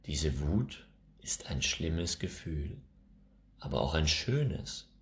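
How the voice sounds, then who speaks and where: Deep-voiced male reader for a children's book, slow and very expressive. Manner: expressive, measured. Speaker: narrator. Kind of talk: children's storybook reading.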